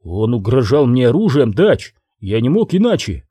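A man's voice: medium pitch, very animated, normal speed, warm tone, slightly rough, no room sound, clean studio sound. A male audiobook reader voicing a defensive hitman who grumbles and mumbles excuses to his boss.

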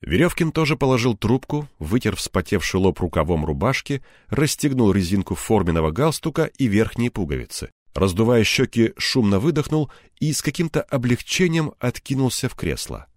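A man narrating an audiobook in a measured storytelling voice. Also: on the low side, big pitch swings, no echo, studio quality.

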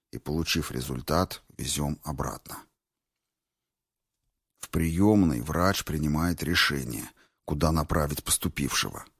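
A man calmly reading a first-person story aloud in a measured, sober way. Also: extremely low pitch, creaky, slightly rough, no echo, clean studio sound.

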